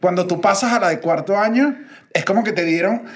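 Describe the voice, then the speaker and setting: A man's voice: sits high, fairly quick. A young man with a Venezuelan accent in a casual podcast chat, jokey and reflective.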